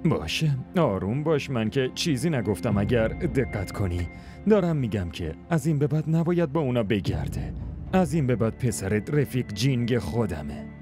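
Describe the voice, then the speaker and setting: A man's voice: mid-range voice, big pitch swings, over music, close to an everyday voice. A man dubbing a cocky, mocking young man in a drama series. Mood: smug. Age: young adult. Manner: smug, mocking. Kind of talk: Persian dub of a drama series.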